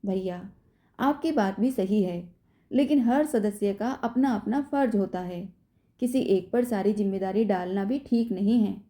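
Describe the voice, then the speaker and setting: A woman's voice: mid-range voice, unhurried, mellow, natural voice. A woman voicing a stern young husband. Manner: grave, firm.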